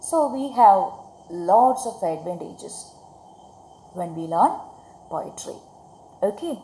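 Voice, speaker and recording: A woman's voice: mid-range voice, expressive, slow, warm tone. A woman with a Malayali Indian accent teaching a poetry lesson to schoolchildren, repeating phrases and asking check questions in a didactic way. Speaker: English teacher. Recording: echoey room, faint background noise.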